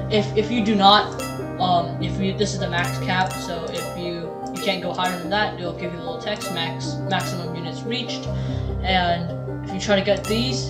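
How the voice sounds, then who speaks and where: Low-voiced woman demoing a game over loud music. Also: echoey room. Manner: rambling, self-correcting, unsure of numbers. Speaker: coding channel host. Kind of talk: casual game demo walkthrough. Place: at a computer, screen recording.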